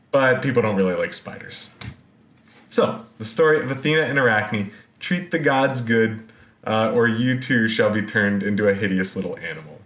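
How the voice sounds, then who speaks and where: A man giving a recorded university lecture, retelling a myth in a slangy, animated way with lots of fillers. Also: mid-range voice, reverberant.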